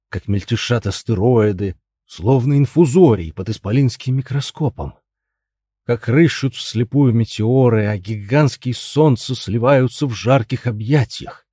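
Man doing a pompous poet husband, slow declaiming, husky voice, dry close sound. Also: mid-range voice, mellow, dry recording. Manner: self-important, declaiming. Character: grandiose poet husband, arrogant and stubborn. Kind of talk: audiobook dialogue reading.

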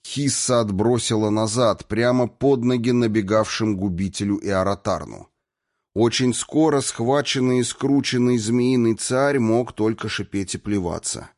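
A man narrating a fantasy audiobook in a steady, measured reading voice. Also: mid-range voice.

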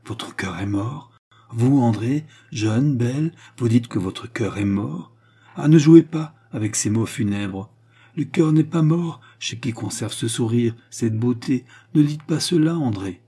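A man's voice: medium pitch, expressive, unhurried, warm tone, breathy edge. A man reading a proud, anguished queen of France in an audiobook, pleading with impassioned speech.

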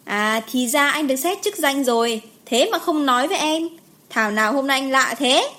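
A woman voicing a sulky, quick-tempered young mother in an audiobook, with a sharp, irritable way of talking. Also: high voice, lively intonation. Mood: irritated.

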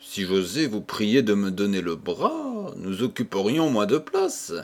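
A man's voice: lowish voice, very animated, a little slow, exaggerated voice. A man reading an audiobook who voices a shy, lovestruck young suitor, earnest and pleading.

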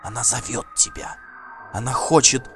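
A man reading an audiobook voices a dazed woman seer who has just come out of a trance, speaking slowly and haltingly in a breathy, distant way. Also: mid-range voice, fairly bright tone, faint music behind, close to an everyday voice. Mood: eerie, dazed. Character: trance-dazed seeress woman, eerie, cryptic.

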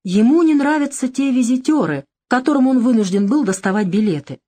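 A woman's voice: a little high, lively intonation, fairly quick, mellow, pitched above the performer's own voice. A woman voicing a worried middle-aged male crime boss who talks bluntly in an audiobook. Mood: uneasy.

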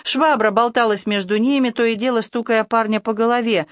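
A woman reading an audiobook in an even, measured narrating voice. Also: a little high, no room sound, clean studio sound. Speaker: audiobook reader.

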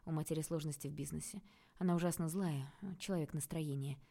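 Calm woman narrator, low and dark-toned, reads prose evenly. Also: quick pace, vocal fry. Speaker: audiobook narrator. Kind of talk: scripted narration.

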